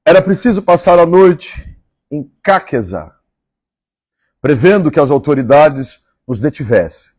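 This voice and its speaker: A man from Minas Gerais with a Mineiro Brazilian accent, reading a novel aloud on a live stream and pausing for chatty asides. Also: a little high, sing-song, a little mellow, husky, dry recording, clean studio sound. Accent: Mineiro Brazilian Portuguese. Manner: measured, repeats favorite lines and chats between passages.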